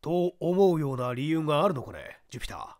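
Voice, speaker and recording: A woman voicing a calm, educated gentleman who asks measured, gentle questions. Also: sits low, no room sound, studio quality, pitched below the performer's own voice.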